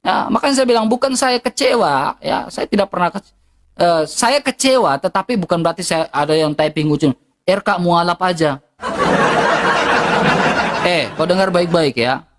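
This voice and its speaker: A woman's voice: fairly low pitch, animated, normal speed. A woman with an eastern Indonesian accent, ranting heatedly and bluntly to her livestream viewers, repeating herself for emphasis.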